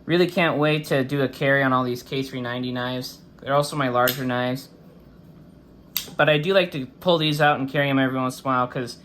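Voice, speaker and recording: A man's voice: on the high side, a bit bright, slight background noise. A man hosting a casual, chatty product review, his speech slightly impeded by a swollen face after having wisdom teeth out. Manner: informal, chatty. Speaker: host of a knife review channel.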